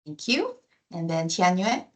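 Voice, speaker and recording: A woman's voice: on the low side, sing-song, measured pace. A woman HR officer hosting an online presentation over a video call, speaking with frequent fillers and restarts.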